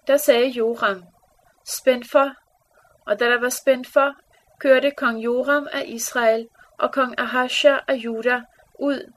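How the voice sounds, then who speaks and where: Woman reading scripture aloud, calm measured pace, kinda high voice. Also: poor audio. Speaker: scripture reader.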